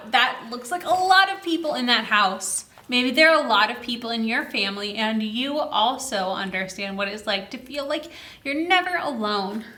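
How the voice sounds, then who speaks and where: A slightly high-voiced woman leads story time for children in a roomy-sounding space. She reads a picture book expressively at an exaggerated slow pace and puts questions to the little ones listening.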